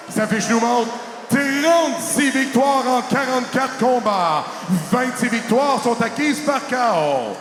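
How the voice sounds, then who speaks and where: A male ring announcer delivers formal, booming arena introductions in a very high, projected voice. He draws words out slowly, and the sound rings through a large reverberant hall. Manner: switches between French and English. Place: large indoor boxing arena. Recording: echoey arena PA with loud crowd. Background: crowd noise.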